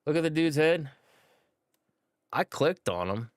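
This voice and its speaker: Though unhurried, this American gaming streamer's fairly high voice is very animated as he gives laid-back, rambling commentary stuffed with fillers. The recording is dry, with clean studio sound.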